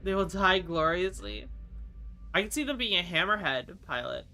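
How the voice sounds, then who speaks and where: Having just woken up, a man with a stuffy, congested nasal voice rambles casually while playing a game on stream, chatting, thinking aloud and answering chat. His high-pitched voice is expressive, gravelly, bright and forceful at a moderate pace, over soft background music.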